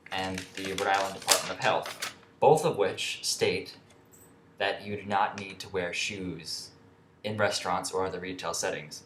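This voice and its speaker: A young man telling a story in a rambling, profane way, with many restarts and fillers. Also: sits low. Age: young adult. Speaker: vlogger. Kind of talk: casual storytelling rant. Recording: echoey room with faint ambient noise.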